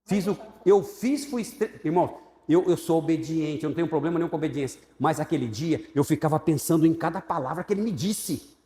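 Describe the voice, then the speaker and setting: A man with a Brazilian Portuguese accent teaching Sunday school, telling his testimony as an animated storyteller who acts out the voices of people in it. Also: a little high, a little fast. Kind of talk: sermon-style personal testimony. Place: church hall. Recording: echoey church hall with long reverb.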